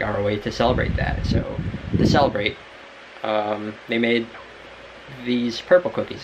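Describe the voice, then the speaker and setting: A man's voice: lowish voice, vocal fry, background noise. A young man chatting casually in a vlog, rambling with lots of fillers and restarts. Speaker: vlogger.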